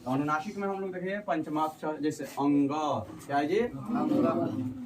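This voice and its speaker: A man teaching a classroom lesson, asking the class questions and repeating their answers with drawn-out syllables. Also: a little high. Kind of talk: classroom Hindi grammar lesson. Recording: distant mic, noisy class around.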